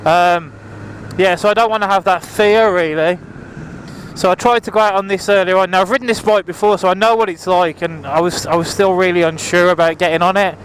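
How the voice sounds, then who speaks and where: A man's voice: sits high, steady tone, a little fast, low-quality recording. A man chatting casually to viewers in a rambling, apologetic way, raising his voice over the engine as he rides a motorbike with a helmet mic. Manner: raised voice talking over engine noise. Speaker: motorbike vlogger. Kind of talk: casual vlog chat to viewers while riding. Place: outdoors, riding a motorbike on the road. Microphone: helmet microphone, visor open. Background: motorbike engine, wind, traffic.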